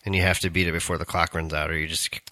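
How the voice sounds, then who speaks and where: A man's voice: deep voice, little pitch movement, very fast, sharp tone, no room sound, studio quality. A man chatting casually on a podcast, explaining a game's mechanics. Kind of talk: casual chat.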